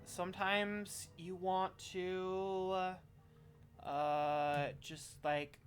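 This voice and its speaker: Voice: medium pitch, little pitch movement, very slow, clear, resonant tone, faint music behind. A game streamer giving casual, wry and playful commentary while playing and reading game text aloud.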